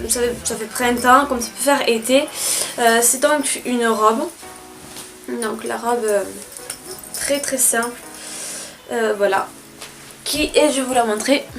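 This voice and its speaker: Hesitant young woman vlogger, music behind. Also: on the high side. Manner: hesitant, many filler sounds. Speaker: beauty vlogger. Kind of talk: casual spring tag video.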